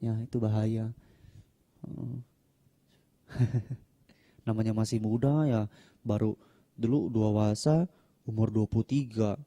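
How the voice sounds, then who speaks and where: A man's voice: fairly even intonation, takes it slowly, long pauses, warm tone. A young man, a Buddhist monk, chatting casually in a question-and-answer talk without a microphone, acting out the people in his stories. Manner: chatty, acts out quoted people with raised pitch. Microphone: no microphone, voice sometimes quiet.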